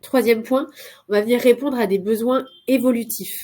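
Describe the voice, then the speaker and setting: A woman with a cold presents as a consultant in a live webinar, her mellow, fairly high voice holding a steady tone at normal speed. She sounds hesitant, with lots of filler sounds and restarts.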